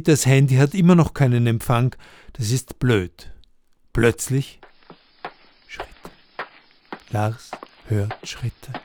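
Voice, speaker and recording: A man's voice: mid-range voice, dark tone, no room sound. A man narrating a simple ghost story for learners in plain, short sentences.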